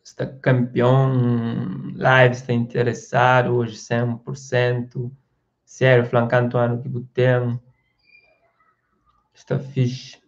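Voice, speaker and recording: A man's voice: medium pitch, monotone, slow pace. Guy rambling on his live stream, reads comments, keeps asking if you get it, kinda muffled audio. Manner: rambling, with restarts and frequent "você entende?". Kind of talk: casual live chat reading viewer comments.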